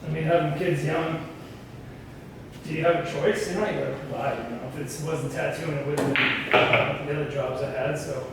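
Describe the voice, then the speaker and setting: A man's voice: fairly high pitch, fairly even intonation, moderate pace. Blunt middle-aged man in an echoey room. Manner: blunt and salty, peppered with "you know". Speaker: interviewee, veteran tattoo artist. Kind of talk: casual chat over pool. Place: indoors at a pool table. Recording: echoey room, distant mic, noticeable background noise.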